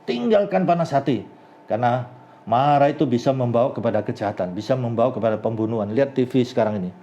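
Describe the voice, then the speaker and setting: Middle-aged male pastor, earnest sermon delivery, mellow low-lit timbre, bursts upward on warnings. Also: expressive, quick pace, dull audio, slight background noise. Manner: earnest, rises sharply when stressing anger and danger.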